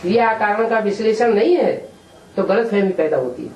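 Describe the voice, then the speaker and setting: A man's voice: high voice, lively intonation, moderate pace. Male spiritual teacher, q-and-a talk, rhetorical questions, echoey room, distant mic. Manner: explains with examples and rhetorical questions. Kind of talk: question-and-answer spiritual discourse. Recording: roomy room from a distant mic, faint noise.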